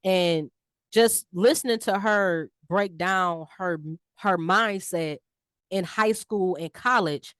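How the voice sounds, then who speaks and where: Woman co-host, animated and slangy, dry close sound. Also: on the low side, slow, smooth, no room sound. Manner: animated, slangy, playful voices for players. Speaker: podcast co-host. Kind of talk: casual sports chat.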